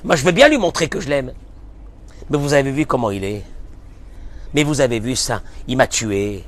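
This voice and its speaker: A man giving a sermon as a rabbi, impassioned, switching between loud bursts and soft murmurs and mixing Hebrew phrases into his French. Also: mid-range voice, animated, normal speed.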